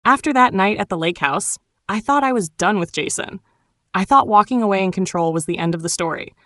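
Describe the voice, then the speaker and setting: A woman narrating a dramatic first-person storytime tale in a cool, wry, sharp-tongued way. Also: mid-range voice, lively intonation, a little fast, no room sound, studio quality.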